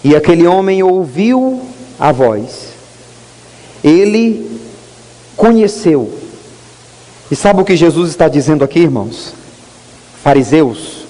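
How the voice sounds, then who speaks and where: A male pastor preaching an earnest sermon in a church, stressing words slowly. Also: fairly high pitch, warm tone. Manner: earnest preaching, rising emphasis and slow drawn-out stresses. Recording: long hall reverb.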